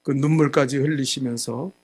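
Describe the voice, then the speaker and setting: A male pastor giving a sermon, telling a story and acting out the quotes, growing loud at the high points. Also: steady tone, normal speed. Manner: storytelling with acted quotes, rising loud at climaxes. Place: church sanctuary.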